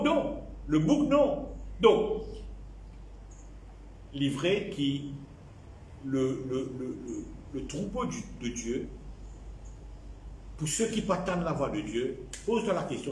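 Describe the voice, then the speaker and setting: A man's voice: medium pitch, big pitch swings, unhurried, pauses often, darkish tone, a little hiss or hum. A man with a Mauritian accent preaching a sermon as a pastor, repeating key phrases and dropping in English words. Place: church. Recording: echoey church hall.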